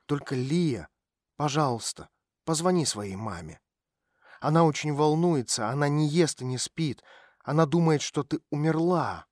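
A man voicing a calm woman private detective who speaks quietly and gently to coax a runaway girl. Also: a little high, a little slow, no echo, clean studio sound. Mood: soothing. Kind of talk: audiobook character voice.

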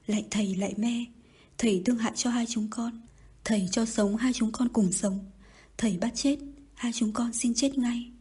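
A woman's voice: a little high, fairly even intonation, normal speed, warm tone, slightly rough. A woman voicing a desperate young woman in an audiobook, begging and pleading. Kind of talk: audiobook reading.

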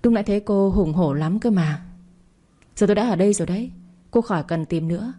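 A woman's voice: mid-range voice, fairly quick, dark tone, natural voice. Woman reading as a cool, taunting young heroine. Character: calm, taunting young woman, bold and upright.

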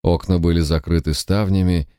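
Man, audiobook narrator, very deep voice, mellow tone, dry close sound, measured. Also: steady tone, clear, resonant tone, dry recording. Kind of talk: scripted narration.

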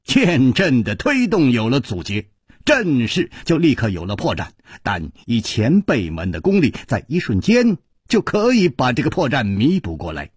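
A man voicing a calm, courteous young hero who speaks in a measured way. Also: mid-range voice, slightly rough, no echo, studio quality. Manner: measured, polite.

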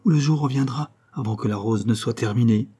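A man's voice: medium pitch, fairly quick, mellow, husky, lightly acted. A man reading the lines of an insistent male rose tree in a storybook. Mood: urgent. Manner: insistent, urging.

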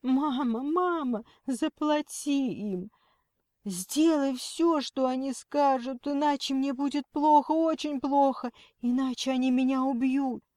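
A woman's voice: high-pitched, takes it slowly, a little mellow, no room sound, studio quality, pitched above the performer's own voice. A woman voicing a tearful, nasal young woman held captive, pleading shrilly down a phone line. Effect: heard over a phone.

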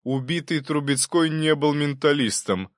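A man's voice: fairly high pitch, measured pace, dry recording, clean studio sound, pitched above the performer's own voice, close to an everyday voice. A man reading an audiobook, voicing a persistent assistant prosecutor who cross-examines with pointed questions.

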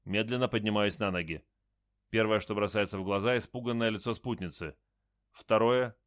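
A man narrates a first-person adventure story in short, matter-of-fact sentences. His voice sits low and the recording is dry and close, with no room sound. The delivery is terse and steady. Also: normal speed, no echo.

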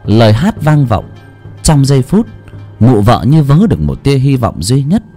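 A man's voice: medium pitch, normal speed, faint music behind. Man narrating a horror tale with great lilt. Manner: lilting, expressive storytelling. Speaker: audio story narrator. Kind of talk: dramatic horror story narration.

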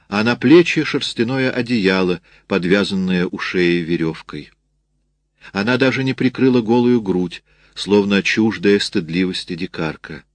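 A man reading a novel aloud in a steady, measured way. His voice sits low, and the recording is dry and close with no room sound. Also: no echo. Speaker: narrator. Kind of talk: audiobook narration.

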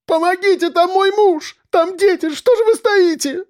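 A male narrator voicing a woman who fakes panic and shrieks for help, secretly a ruthless attacker. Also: moderate pace. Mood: panicked pleading. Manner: shrill pleading cries.

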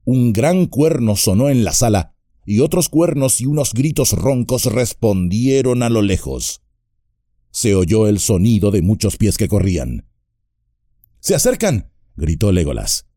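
Dramatic low-voiced male narrator. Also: unhurried, no room sound, clean studio sound. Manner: expressive, dramatic reading. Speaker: audiobook narrator. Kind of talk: scripted narration.

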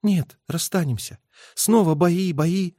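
A man voicing a young female army medic who speaks softly, at times in a whisper, tender and anxious. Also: high voice, slow pace, no room sound, clean studio sound, voice pushed up. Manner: soft, whispering.

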